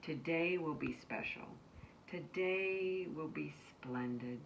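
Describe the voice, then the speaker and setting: A woman's voice: sits low, slow, gravelly, dull audio, heavily acted. A woman reading a storybook aloud, voicing a worried but loving young mother who reassures her daughter and later grows weary and apologetic. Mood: reassuring. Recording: distant mic, faint background noise.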